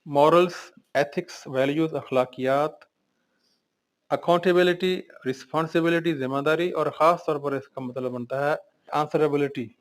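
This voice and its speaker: A man teaching English vocabulary, voice sitting a little high for a man. He calls out each word, then lists its synonyms one after another with their meanings in Urdu. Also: steady tone, moderate pace.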